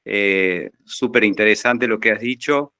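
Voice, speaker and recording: A fairly low-voiced man with a bright, forceful tone talks into his phone, halting often and filling the gaps with fillers. The sound is dry and close. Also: no room sound. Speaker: gardener in the audience. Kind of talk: online Q&A question.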